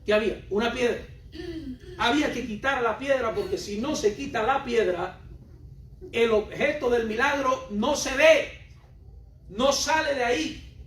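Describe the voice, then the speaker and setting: Male preacher, high voice, emphatic and repetitive, recorded off-mic in an echoey church hall. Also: unhurried, long pauses, fairly bright tone. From Cuba. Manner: emphatic and repetitive, questions the congregation directly. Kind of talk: sermon. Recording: roomy hall, voice from a distance.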